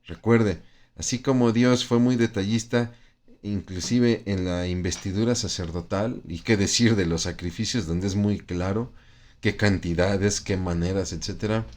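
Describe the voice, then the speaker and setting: A man's voice: fairly low pitch, steady tone, a little slow, a little mellow. A man teaching a Bible study lesson in a conversational way, with frequent tag questions and restarts. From Mexico.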